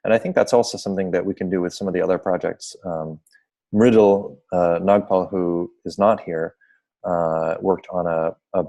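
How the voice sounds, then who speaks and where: A man's voice: low voice, fairly even intonation, moderate pace, creaky, dark tone. A man hosting an online seminar over a video call, explaining projects informally and apologizing for glitches. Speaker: seminar host.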